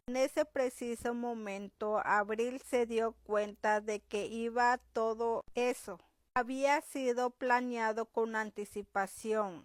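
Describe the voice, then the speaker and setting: A woman narrating a romance audiobook in a calm, measured storytelling manner. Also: a little high, no room sound, clean studio sound.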